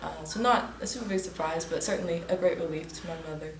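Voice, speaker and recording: A woman's voice: fairly low pitch, fast talker, roomy sound, a crowd in the background. A teenage girl from West Tennessee, the top student, answering politely in an interview with nervous laughs. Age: teens. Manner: polite, laughs nervously, says yes sir. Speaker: top-ranked graduating student.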